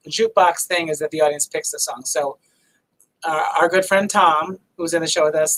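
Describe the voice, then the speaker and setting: A woman with a lowish, fairly bright voice hosts a livestreamed theater cabaret, chatting bubbly and casual while reading out viewer comments. The audio quality is poor.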